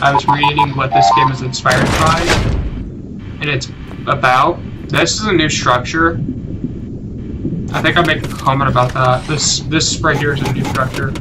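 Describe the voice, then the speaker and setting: A man's voice: on the high side, very noisy. A man giving casual gameplay commentary as a gaming channel host, rambling and often correcting himself as he talks. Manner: rambling, self-correcting, chatty.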